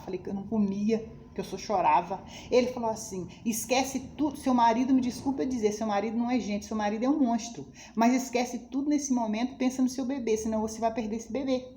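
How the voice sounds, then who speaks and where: A middle-aged woman recounts her own hard life story in a personal testimony. Her voice is mellow and dark, turning pleading when she speaks of faith, and she acts out the words of the people in her tale. Faint background noise sits under the recording. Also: medium pitch, quick pace. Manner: emotional, quotes others' speech, pleading religious tone.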